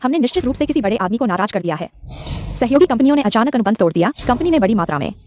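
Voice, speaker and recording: A woman's voice: fairly high pitch, lively intonation, very fast, darkish tone, a little hiss or hum, lightly acted. A woman playing a scornful, scolding mother. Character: scornful middle-aged mother, proud and shrill. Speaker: mother of the heroine. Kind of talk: dubbed short drama.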